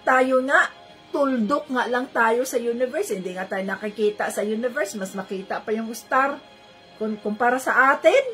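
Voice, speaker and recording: A woman's voice: on the high side, normal speed, fairly bright tone, soft background music. A woman giving a casual Bible teaching, repeating phrases soothingly and mixing in English. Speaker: Bible study preacher.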